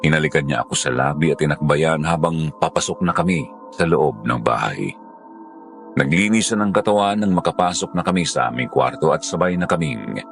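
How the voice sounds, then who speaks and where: A male storyteller reading a first-person horror tale with a low voice. He keeps a measured, dramatic pace, with faint music underneath. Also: vocal fry.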